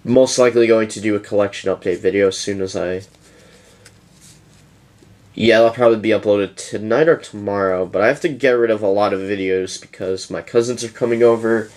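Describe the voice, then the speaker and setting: A man's voice: on the low side, fairly quick, darkish tone. A young man giving a casual, rambling deck profile to his channel, yawning as he goes. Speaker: YouTuber presenting a card deck.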